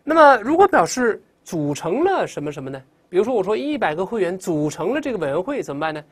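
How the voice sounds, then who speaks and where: A lively teacher leading a classroom vocabulary lesson, the pitch swinging widely as points get stressed. The delivery is emphatic, with words drilled aloud over and over and phrases often rounded off with a soft 啊. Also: quick pace, breathy edge.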